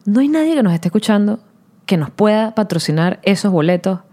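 Fast-talking Venezuelan woman podcaster. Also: medium pitch, expressive, warm tone. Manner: brash, joking, slangy. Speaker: podcast co-host. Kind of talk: casual podcast chat.

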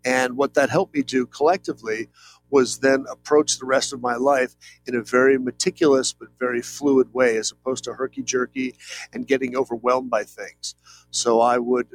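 A painter in his late fifties speaks as an interview guest, his medium-pitched voice coming through poor audio with faint music behind it. He's earnest and rambling, full of fillers and repeated "if you will" phrases, in a reflective conversational interview.

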